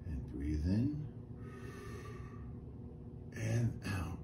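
Slow, calm male fitness instructor. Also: deep voice, creaky. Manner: calm, step-by-step cues with breathing counts. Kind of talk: guided chair exercise class. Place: small indoor room with a painted wall. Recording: roomy echo, faint room noise.

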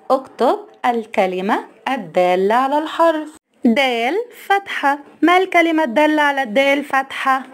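A woman's voice: a little high, a little mellow. Woman teacher spelling letter by letter. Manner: spells words letter by letter, quick praising questions. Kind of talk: kindergarten Arabic spelling review.

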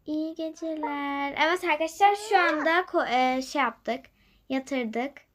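A young woman hosting a gaming channel, chatting to her viewers as she plays, moving from hushed whispers to loud, excited calls. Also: high-pitched, unhurried. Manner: lively, talks to viewers, jumps between loud excitement and quiet whispers. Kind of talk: chatty gameplay commentary.

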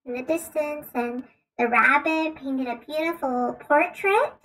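A woman teacher reads a children's picture book aloud, keeping her voice high and light. She takes her time and stops often to ask gentle questions and explain what the pictures show. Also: poor audio.

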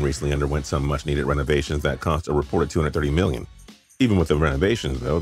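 A man reading a scripted sports countdown, opinionated and wry. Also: rumbling low. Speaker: sports video narrator.

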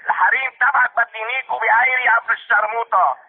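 A man's voice: very high-pitched, steady tone, fast, slightly rough, heavily acted. A man with a Lebanese accent putting on a hot-tempered, foul-mouthed man in a prank phone call, repeating himself and hurling insults. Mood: raging. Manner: repetitive, insistent, hurling insults. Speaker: prank caller. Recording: tinny phone line.

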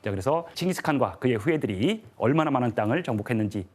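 A man lecturing on history in a TV studio, measured and explanatory, often pausing with little "yes" fillers. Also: mid-range voice, animated, soft background music.

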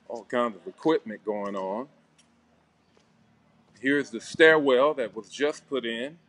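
A middle-aged man giving a casual, upbeat walkthrough of a church construction site, talking with many fillers while filming on a phone. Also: medium pitch. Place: indoor and outdoor building site. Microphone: phone camera held while walking.

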